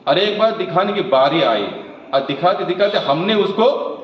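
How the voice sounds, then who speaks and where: A man's voice: high voice, expressive, normal speed. A man giving a devotional sermon, asking the congregation questions and letting them finish his phrases. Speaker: preacher. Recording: roomy, distant, dull with faint hum.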